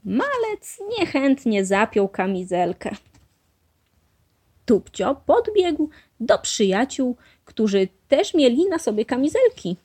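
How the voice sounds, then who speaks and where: A woman reading a children's storybook aloud in a clear, measured way. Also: a little high, sing-song, darkish tone. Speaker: storybook reader.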